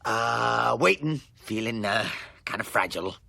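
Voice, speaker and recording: An actor voicing a gruff middle-aged male cartoon bartender with a gravelly, sulky and sarcastic delivery. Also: mid-range voice, lively intonation, a little slow, sharp tone, dry recording, clean studio sound, heavily acted. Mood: mopey. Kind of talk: cartoon voice acting.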